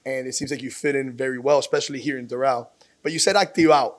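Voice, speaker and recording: A man's voice: mid-range voice, fairly even intonation, fast talker. A man hosting a casual chat, easygoing and laughing often, slipping between English and Spanish. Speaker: host.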